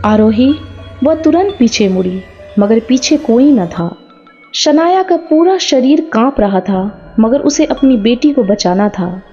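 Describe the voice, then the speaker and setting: A woman narrating a scripted horror story in a slow, measured way. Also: on the high side, warm tone. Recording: dull lo-fi sound with faint music.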